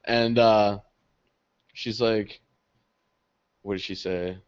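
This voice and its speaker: A young man, the podcast co-host, telling a story in casual chat, animated and swearing freely, laughing often. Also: fairly low pitch, very slow, smooth. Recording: dull lo-fi podcast audio.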